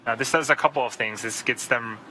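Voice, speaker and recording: Very bright-voiced male launch commentator. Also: medium pitch, fairly quick, poor audio. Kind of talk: live explanatory commentary. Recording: faint background noise.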